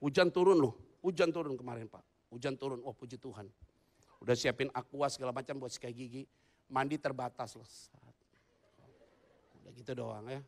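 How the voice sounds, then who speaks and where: A male pastor preaching a humorous sermon in a church, moving between loud excited bursts and quiet asides. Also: medium pitch, brisk, pauses often.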